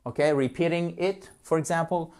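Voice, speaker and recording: A man teaching English in a lesson, slowly stressing phrases for learners to repeat. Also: on the high side, darkish tone. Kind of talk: language lesson with repetition drills.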